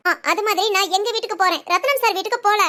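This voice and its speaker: A performer voicing a bitter, defiant young bride who answers in sharp, curt retorts. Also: very high-pitched, rapid-fire.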